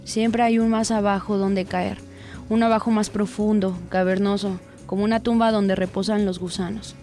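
Dark-toned woman reading gritty fiction. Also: mid-range voice, level tone, faint music behind. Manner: crude slang, gritty and unhurried. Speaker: narrator. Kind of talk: dramatic first-person story reading.

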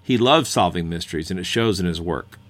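Male science podcast host, low register, curious storyteller reading scripted intros and tales. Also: animated, brisk, soft background music. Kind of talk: scripted podcast narration and hosting.

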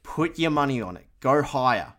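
An Australian man co-hosting a podcast with loud, matey lad banter, giving jokey betting tips in an emphatic, mock-dramatic sales pitch. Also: expressive, normal speed. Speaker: podcast co-host presenting a betting tips segment.

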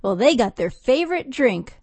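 A woman's voice: sits high, sing-song, normal speed. A woman reading a scripted feature story as a radio news reporter.

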